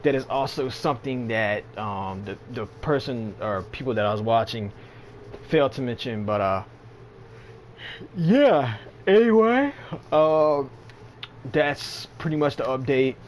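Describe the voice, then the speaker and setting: A man's voice: medium pitch, moderate pace, slight background noise. A man giving casual, rambling commentary on a game update, sleepy and yawning, with lots of fillers and slang. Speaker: gaming channel host.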